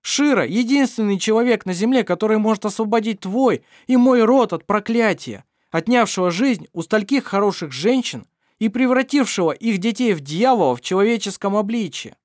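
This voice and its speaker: A bold young man presses his case in urgent, forceful speech, as an audiobook narrator voices him, pitched somewhat higher than the narration. The sound is dry and close to the mic. He comes across as fierce and persuasive. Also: lively intonation, brisk, dry recording.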